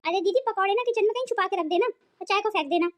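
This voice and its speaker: Meddling aunt voiced by a woman: mocking, gossipy, quick. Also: very high voice. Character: meddling middle-aged aunt, spiteful.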